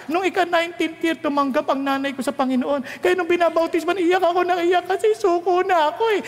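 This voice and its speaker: Filipino pastor preaching in an echoing hall. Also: male voice, fairly even intonation. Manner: quizzes the congregation, reads scripture slowly and low, rises loud when urging. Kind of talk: sermon. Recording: long echo of a large hall.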